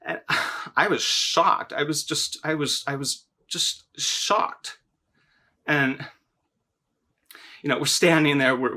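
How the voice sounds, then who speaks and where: An actor playing a melodramatic, film-obsessed young man in a mockumentary confessional, talking in halting, stammering bursts and repeating his words. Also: medium pitch, sharp tone. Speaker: interview subject in a mockumentary.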